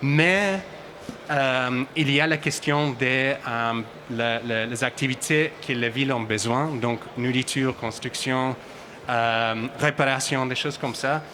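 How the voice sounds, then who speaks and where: An Australian researcher speaks on a conference panel in a conference hall, his mid-range voice sharp in tone. He halts and restarts often while searching for words, and there's slight background noise.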